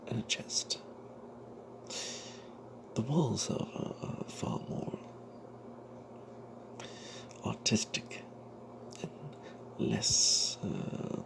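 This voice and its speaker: In a lowish voice, a man narrates a fantasy story with breathy ASMR whispers, playing a sardonic, distrustful adventuring cleric and speaking haltingly and quietly. The recording quality is low.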